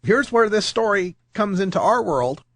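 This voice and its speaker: A man's voice: high voice, expressive, moderate pace, fairly bright tone, no room sound, studio quality. A man hosting a podcast, rambling and joking through news stories with frequent laughs. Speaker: podcast host. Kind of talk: casual news commentary.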